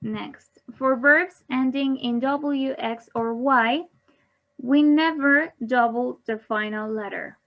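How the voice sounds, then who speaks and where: Slow, careful bilingual woman teacher. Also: high voice. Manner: explains in English then repeats in Spanish. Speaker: English teacher. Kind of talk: bilingual online grammar lesson. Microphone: online class computer mic. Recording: dull lo-fi online class audio.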